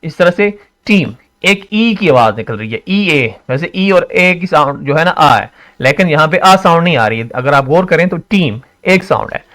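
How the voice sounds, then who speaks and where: English teacher man, slightly high voice. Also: animated, fairly bright tone. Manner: repeats words slowly, asks and answers his own questions. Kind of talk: classroom explanation.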